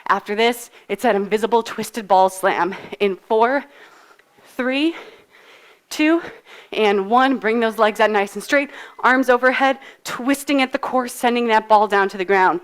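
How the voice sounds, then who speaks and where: A woman's voice: fairly high pitch, unhurried. Breathless upbeat woman fitness coach. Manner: upbeat, encouraging, cues moves while exercising. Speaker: fitness instructor. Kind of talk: live workout coaching with countdowns. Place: fitness studio.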